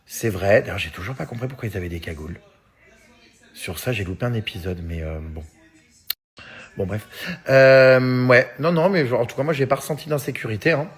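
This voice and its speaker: A man in his thirties with an expressive, medium-pitched voice and a breathy edge talks at a moderate pace. He vlogs casually to his followers, telling stories, reading out fan messages and answering them, chatty and full of fillers like hein and euh, often laughing as he talks.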